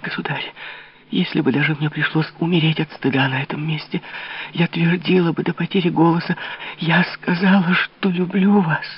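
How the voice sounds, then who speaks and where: A man reading an audiobook, voicing an anguished young woman who pleads in a high, trembling, breathy voice. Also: steady tone, quick pace, hardly any pauses, distant mic. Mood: desperate. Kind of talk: audiobook character voice. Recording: dull lo-fi recording.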